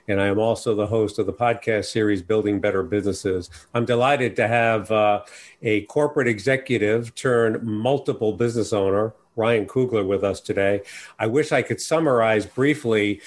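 A man from New York hosting a business interview podcast, asking his guest questions in a formal, measured way. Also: on the low side. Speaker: podcast host.

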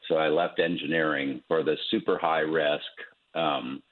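Deep raspy guy being interviewed as a guest, chatting over a tinny phone-type connection. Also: fairly even intonation, normal speed. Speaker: guest entrepreneur. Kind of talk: conversational interview answers. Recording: muffled, thin phone-like line.

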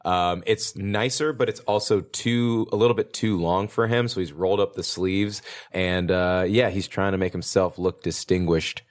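A man with a low voice plays a tabletop game. He improvises descriptions casually, in halting conversational phrases. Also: steady tone.

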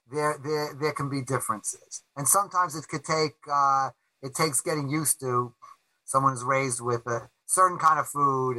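A middle-aged rabbi and author answering interview questions in an earnest, emphatic way, often repeating words and restarting sentences. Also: male voice, a little high, bright, forceful tone, no room sound, rough recording.

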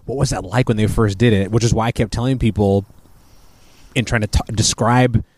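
A man's voice: fairly low pitch, fairly even intonation, fairly quick, darkish tone. A man co-hosting a podcast who listens supportively, laughs often and adds short jokes. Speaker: podcast co-host. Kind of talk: casual chat.

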